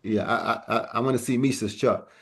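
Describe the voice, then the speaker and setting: A man's voice: mid-range voice, fairly even intonation, fairly quick, a bit bright. Easygoing male trading teacher on a call. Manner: loose and joking, repeats words as he restarts. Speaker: trading instructor. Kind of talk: casual live class on a video call. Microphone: video call.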